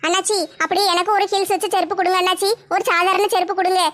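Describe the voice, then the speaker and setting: Very high, bright-voiced woman in a village comedy skit. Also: little pitch movement, very fast. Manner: bickering, dramatic wailing. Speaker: skit performer voicing village women.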